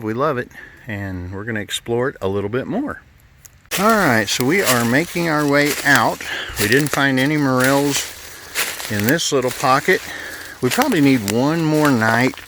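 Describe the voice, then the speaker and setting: There's background noise as a middle-aged man with a fairly low voice talks casually on his hiking vlog. Easygoing and folksy, he strolls through woods and fields and gets winded now and then.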